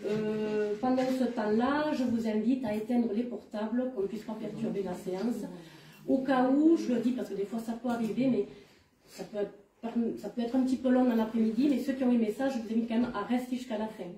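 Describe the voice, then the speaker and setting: Fairly high-voiced woman hosting, echoey room. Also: steady tone, brisk, mellow. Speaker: event host. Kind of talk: informal announcements to an audience. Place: indoor hall at a live-streamed event. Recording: echoey room, distant mic, audience noise.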